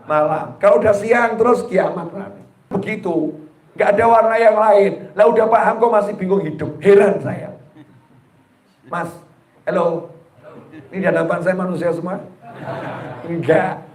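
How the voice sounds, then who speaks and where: Male preacher, fairly high voice, teasing the crowd, roomy hall sound. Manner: jokey, addresses audience directly, acts out quoted wives and friends. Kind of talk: humorous Islamic sermon. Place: gathering hall before a live audience. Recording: echoey hall.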